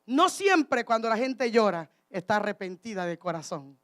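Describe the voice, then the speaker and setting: A woman's voice: mid-range voice, big pitch swings, moderate pace. A woman preaching a sermon, speaking emphatically and calling out to her congregation.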